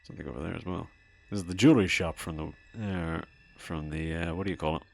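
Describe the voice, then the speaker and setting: A man's voice: low voice, steady tone, quick pace, gravelly. A man giving casual commentary while playing a video game, laid-back, chuckling often and swearing casually. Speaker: let's play host. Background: faint game music.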